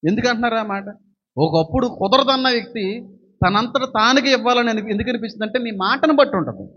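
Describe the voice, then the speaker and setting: Fast, high-voiced preaching man. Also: slightly rough, highs cut off. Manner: animated preaching, swings from soft to loud. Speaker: pastor. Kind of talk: sermon.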